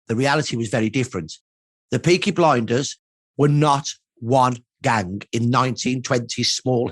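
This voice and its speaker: A middle-aged or older man from Birmingham, England, speaks as a historian in a documentary interview, using emphatic, punchy, repeated phrases. His voice is mid-range, with no room sound.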